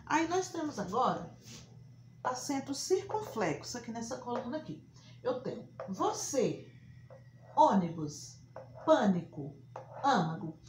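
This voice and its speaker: A woman's voice: sits high, very animated, a little hiss or hum. Brazilian woman teaching with an echo. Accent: Brazilian Portuguese. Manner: slow, emphatic repetition of example words. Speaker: primary school teacher. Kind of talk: recorded remote class lesson. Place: room at a whiteboard.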